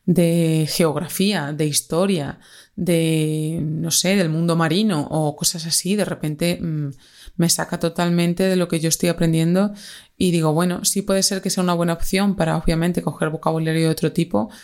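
In a long, casual solo podcast, a young Spanish-accented woman from Spain keeps using fillers and revising what she says. She speaks at a moderate pace in a lowish, steady, slightly mellow voice.

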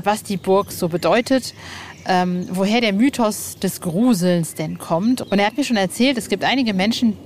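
Walking around a castle, a woman hosts an on-location podcast report, speaking informally with a chatty curiosity. Her mid-range voice has a darkish tone, and the noisy recording picks up plenty of ambience.

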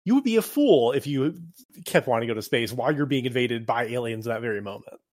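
A man co-hosting a podcast in casual chat, animated and joking, quick to laugh. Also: mid-range voice, no echo, studio quality. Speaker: podcast co-host.

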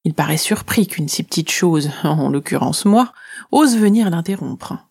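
Brief: woman storyteller, husky and a bit low, lively first-person narration for kids. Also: measured pace. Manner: lively, expressive reading.

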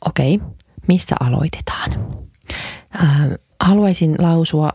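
A woman in her forties co-hosting a casual chat podcast, keeping her voice low and hushed in a makeshift home studio. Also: husky, no echo. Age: 40s. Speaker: podcast co-host.

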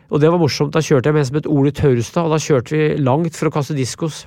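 A man from tells stories at a podcast, rambling and blunt and often repeating himself. His voice sits a little high for a man. The sound is close and dry. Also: steady tone, warm tone, dry recording. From Brumunddal, Norway. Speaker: podcast guest, author. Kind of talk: casual storytelling in interview.

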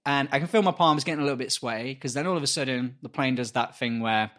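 A man's voice: medium pitch, fast. A man co-hosting a podcast, telling a story in casual, sweary chat and acting out the people in it. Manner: animated, swears freely, acts out voices in anecdotes. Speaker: podcast co-host.

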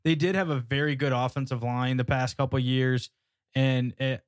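A man co-hosting a casual sports podcast, chatty and quick to laugh, often repeating his words. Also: mid-range voice, steady tone, clear, resonant tone, dry recording, clean studio sound. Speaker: podcast co-host.

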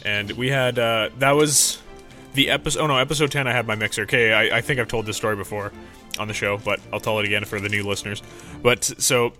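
A man's voice: lowish voice, steady tone, quick pace, pushed and bright, faint music behind. A young man hosting a podcast, telling rambling, profane stories in casual chat into a studio mic. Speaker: podcast host. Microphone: studio mic through a mixer.

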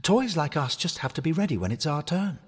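A man's voice: fairly high pitch, sing-song, brisk, slightly rough, in a large hall, voice pushed up. A man voicing a cheerful male hornet mascot toy who talks in an earnest, coaxing way. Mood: encouraging. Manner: earnest, coaxing pep talk.

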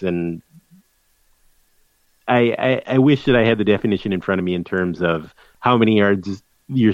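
A man with a fairly low voice co-hosts a casual sports podcast, talking through college football stats conversationally and often restarting mid-sentence. The audio is dull with no echo.

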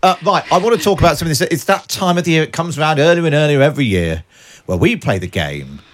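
A man's voice: a little high, lively intonation, fast. A British man presenting a political radio show as host.

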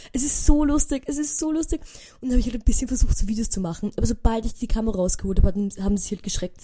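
A young woman with an Austrian German accent, telling a story in a chatty, excitable podcast monologue and slipping English words in. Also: medium pitch. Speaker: podcast host.

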